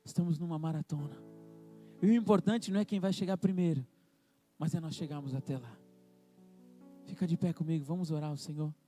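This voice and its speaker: A man's voice: on the high side, fairly quick, pauses often, mellow, soft background music. A young man with a Brazilian Portuguese accent, preaching a sermon in a church, telling a personal story with emotion and calling people forward to pray. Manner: storytelling, emotional, rising into fervent prayer call. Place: church hall.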